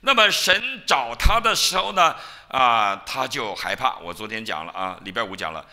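Male pastor giving a sermon, very bright forceful voice, animated storyteller. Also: medium pitch, moderate pace. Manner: animated storytelling, acting out biblical quotes. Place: church.

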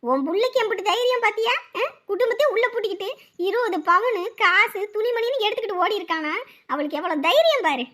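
Casting note: very high, bright woman with a Kanyakumari Tamil accent, cartoon village quarrels. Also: expressive, a little fast.

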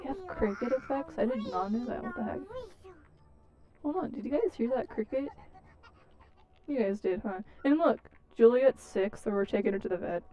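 A woman's voice: medium pitch, rough recording. A woman with a lisp chatting nervously and self-consciously as she plays a life-sim game. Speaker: let's play gamer. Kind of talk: casual game commentary.

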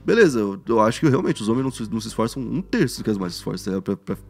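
A man co-hosting a podcast in casual chat, slangy and animated, often acting out other people's voices. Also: on the low side, rapid-fire, creaky, slightly rough. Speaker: podcast co-host.

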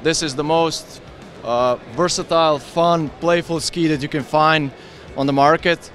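Eager man pitching skis at a trade fair. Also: steady tone, unhurried, a bit bright, soft background music. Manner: enthusiastic, explains with hand gestures. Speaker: ski brand representative. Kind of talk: trade fair product interview. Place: busy indoor trade fair hall. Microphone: handheld interviewer mic with windscreen.

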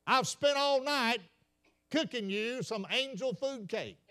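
A man's voice: extremely high pitch, takes it slowly, pushed and bright, clean tone, heavily acted. A man preaching puts on the voice of a homey angel waking a sleeping prophet. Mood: coaxing.

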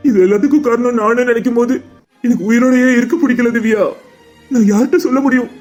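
A man's voice: sits high, rapid-fire, darkish tone, faint music behind, lightly acted. [name], a man voicing a grieving young friend. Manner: earnest, pleading, tearful monologue. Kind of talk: cartoon drama voice acting.

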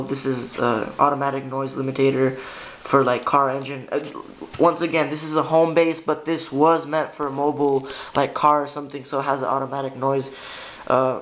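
A hobbyist man demonstrates a radio in an indoor room by a window, giving a casual, unscripted gear walkthrough. His mid-range voice has a fairly bright tone, and he speaks hesitantly and informally, often correcting himself. The handheld camera's built-in mic captures noisy amateur audio with clicks.

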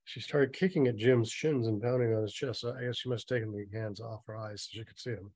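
A man's voice: mid-range voice, fairly even intonation, fast talker, darkish tone, no echo. A man reading a story aloud and mocking it with sarcastic, nitpicking asides. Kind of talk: sarcastic dramatic reading with commentary.

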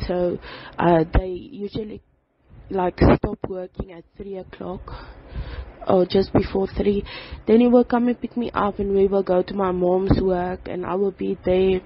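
A person recording a voice note on a phone, praying and then telling their life story in an earnest, halting way with pauses and fillers. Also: mid-range voice, steady tone, slightly rough. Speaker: person giving a testimony. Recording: slightly dull voice note with faint background noise.

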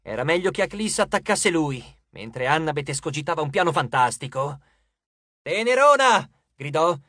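A man narrating an audiobook in a steady, expressive storytelling voice. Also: a little high, a little fast, no room sound, studio quality. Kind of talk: scripted narration.

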